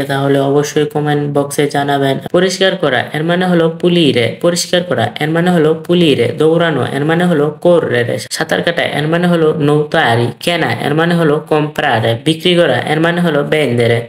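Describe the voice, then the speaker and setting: A patient language teacher drills vocabulary, saying every word twice and drawing out the example phrases. The voice sits at an ordinary middle pitch. The recording carries a clear roomy echo. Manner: slow and repetitive, drilling each word twice; stretches out the practice phrases. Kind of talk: language lesson. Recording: roomy echoey room.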